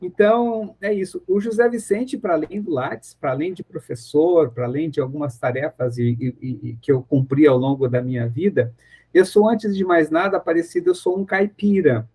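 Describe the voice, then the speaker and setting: On the radio, a professor from inland São Paulo state, Brazil, answers interview questions in a reflective, conversational way, often searching for words and going back over phrases. His voice is a little high and dark-toned, with a breathy edge, at a moderate pace.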